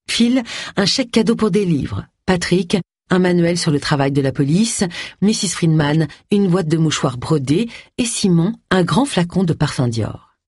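A husky audiobook narrator with a lively, swooping delivery. The reading moves expressively through the story and changes voice for each character. The recording is dry and close. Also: medium pitch, no echo. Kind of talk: scripted novel narration.

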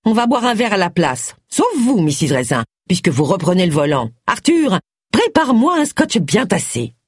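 A reader voicing a shrill, crude and bossy nouveau-riche wife in an audiobook. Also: female voice, very animated, moderate pace, slightly rough, no room sound, clean studio sound. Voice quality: piercing, shrill.

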